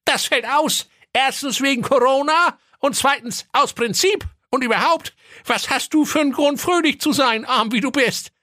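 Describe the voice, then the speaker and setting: A woman's voice: high voice, normal speed, sharp tone, no echo, studio quality. A woman voicing a grumpy, stingy old male junkyard owner, grumbling and scornful in a comic audio story.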